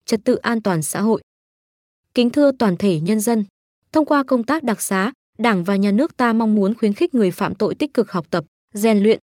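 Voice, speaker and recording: A woman reading a formal public announcement in a measured, official manner. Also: medium pitch, a little mellow, no echo, studio quality. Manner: measured, official read-out delivery.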